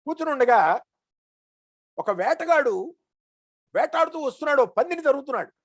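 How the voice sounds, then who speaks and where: A woman giving a devotional discourse. She tells old stories with animation, chants Sanskrit verses slowly and then explains them. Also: high-pitched, lively intonation, dry recording. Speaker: religious storyteller.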